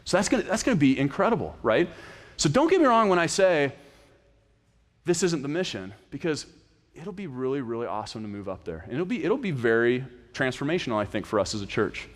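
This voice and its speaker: A man's voice: medium pitch, very animated, brisk. A man in his thirties, a pastor giving a casual, conversational sermon that often restarts its phrases. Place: church sanctuary. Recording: reverberant church hall.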